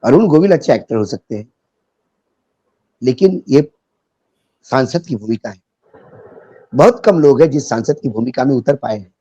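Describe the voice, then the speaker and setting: A man's voice: mid-range voice, expressive, moderate pace, pauses often, mellow, dry recording, highs cut off. A man discussing politics as a guest, biting and sarcastic, mixing in jokes and anecdotes.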